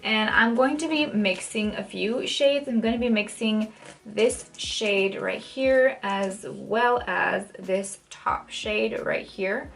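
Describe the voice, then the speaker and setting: At home in front of a mirror, a woman hosts a casual, step-by-step makeup tutorial, chatty and full of "like" fillers, shifting her pace often. Her voice is medium-pitched, slow and fairly bright, but raspy from a dry throat, as though she might be catching a cold.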